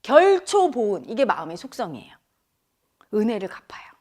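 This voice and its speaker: A woman's voice: medium pitch, moderate pace. A middle-aged woman giving a spiritual talk on the mind, speaking straight to her listeners and acting out inner voices. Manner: animated, addresses listeners directly, acts out inner voices. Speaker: meditation teacher.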